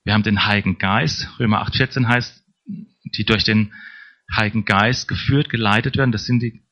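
A man's voice: lowish voice, normal speed, a bit bright. Guy preaching casually, keeps asking the room, kinda muffled lo-fi recording. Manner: conversational, tag questions to congregation. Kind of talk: sermon.

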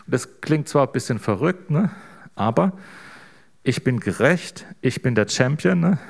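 Man, pastor, informal sermon, conversational, mid-pitched voice. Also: animated, a little slow, vocal fry. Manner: casual, tags sentences with "ne?".

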